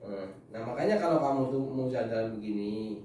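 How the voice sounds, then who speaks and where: A man speaking as a father gives his family advice in casual chat, lecturing and laughing often. His fairly low, dark-toned voice is brisk, recorded in an echoey room with the mic far off.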